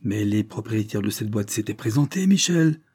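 A man voicing an indignant, demanding foreign gentleman, speaking insistently in a raised voice. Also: medium pitch, normal speed, no echo, clean studio sound, close to an everyday voice. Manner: insistent, exclamatory.

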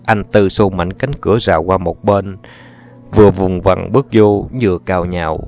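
A man narrating a story in a steady, measured reading voice. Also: deep voice, creaky. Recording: muffled audio with faint music.

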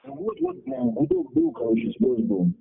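A very high, raspy, gravelly man on the phone. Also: animated, normal speed. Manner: defensive, stumbling, stammering restarts. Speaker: debt collector on the call. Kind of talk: recorded phone argument. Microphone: phone call. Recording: tinny phone line.

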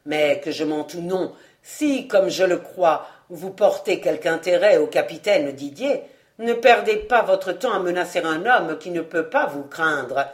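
A woman reading aloud, voicing an insolent male valet who speaks calmly and mockingly. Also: lowish voice. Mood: menacing. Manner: mocking, unhurried, calm.

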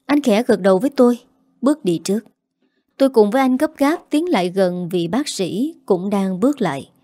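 A woman reading a first-person story aloud in a steady, even way. Her tone is warm and mellow. The recording is dry, with no room sound. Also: mid-range voice, moderate pace, no echo. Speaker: narrator.

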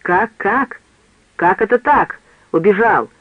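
A man's voice: high-pitched, expressive, normal speed, no room sound. A man voicing a furious, bullying military prosecutor who bellows threats in an audiobook. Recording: tinny phone-like dry sound.

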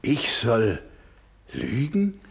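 In a German radio drama, a male actor with a mid-range voice plays an anguished, devout doctor who looks after orphans. He speaks very slowly, gravely and pleadingly, in a solemn, exaggerated delivery with huge pitch swings, sounding stricken.

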